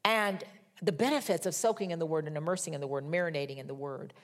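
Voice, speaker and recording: A middle-aged woman preaching a sermon. She moves from fervent, raised scripture reading to soft, hushed storytelling. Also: low-pitched, quick pace. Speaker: minister.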